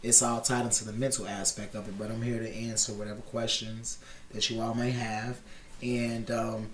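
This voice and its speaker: A man in his thirties from Chicago, a podcast guest talking candidly in a relaxed interview. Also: fairly low pitch, normal speed, echoey room. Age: 30s. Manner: candid and animated, often says "you know what I'm saying". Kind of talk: casual interview talk.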